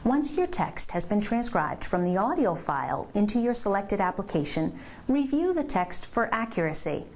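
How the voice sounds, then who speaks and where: A woman with a medium-pitched voice reads scripted narration for a software tutorial, laying out clear, step-by-step directions.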